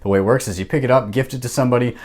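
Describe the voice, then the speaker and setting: Racing along in a mid-range, slightly mellow voice, a man in his thirties hosts a podcast interview. The talk is casual, upbeat, and conversational with filler words, recorded from his home office on a studio mic with headphones.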